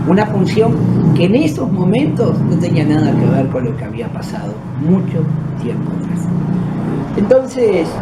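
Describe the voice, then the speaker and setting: Uruguayan guy telling his own spooky story, chatty and uneven, echoey noisy room. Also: a little high. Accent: Uruguayan Spanish. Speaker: podcast host and storyteller. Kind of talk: first-person storytelling of paranormal experiences. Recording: echoey room with background noise.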